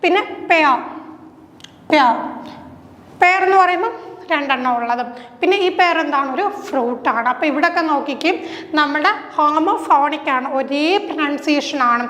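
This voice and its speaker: A woman's voice: sits high, moderate pace, fairly bright tone. A woman teacher with a Malayali English accent, a Malayalam speaker, runs an exam-prep lesson and asks questions that she answers herself. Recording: echoey room with long reverb.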